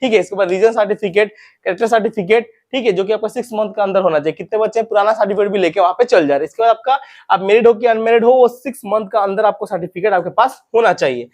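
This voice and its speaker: A man's voice: sits high, rapid-fire, a little mellow. A young man hosting an informal advice talk, chatty, repeating points and calling viewers friends and brothers. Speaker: recruitment info channel host.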